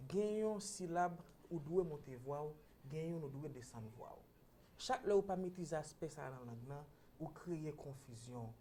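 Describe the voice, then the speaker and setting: Low-voiced Haitian woman teaching pronunciation. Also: mellow, slight background noise. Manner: mixes Haitian Creole, French and English, explains patiently with repeated "ok?". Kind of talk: teaching on a TV talk show.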